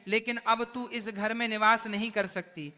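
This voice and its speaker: A man's voice: high-pitched, level tone, normal speed, sharp tone. A man voicing a stern, scolding mother-in-law in a devotional story, speaking harshly. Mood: angry scolding.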